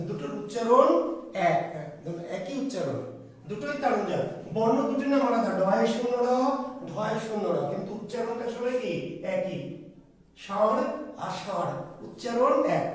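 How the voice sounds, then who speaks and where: A male teacher giving a grammar lesson, asking questions and repeating the answers back. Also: sits high. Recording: very echoey room, far from the mic.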